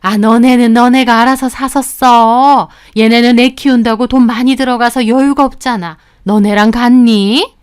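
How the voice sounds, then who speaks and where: A woman voicing a blunt, scolding older mother-in-law in a told story, speaking with reproach and slow emphasis. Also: on the high side, fairly even intonation, clean tone, natural voice. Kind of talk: scripted storytelling.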